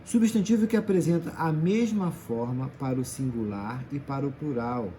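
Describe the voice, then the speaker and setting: A man's voice: mid-range voice, moderate pace, warm tone, slight background noise. A Brazilian man teaching a grammar lesson, patient, stretching out example words and checking in after each point. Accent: Brazilian Portuguese. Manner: patient, checks in often with tag questions. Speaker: Portuguese teacher.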